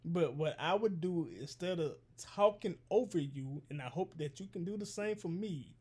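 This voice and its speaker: A man speaking slowly in a stiff, robot-like way while co-hosting a casual couple's video chat. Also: high-pitched, darkish tone, slightly rough. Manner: stiff, slow robot-like delivery. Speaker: co-host in a couple's vlog.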